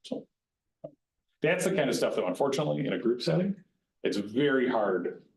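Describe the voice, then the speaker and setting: A man's medium-pitched, sing-song voice moves at normal speed as he advises county staff about retirement plans. His talk is an informal, conversational, plain-spoken educational presentation, and the county board meeting room gives it a roomy echo.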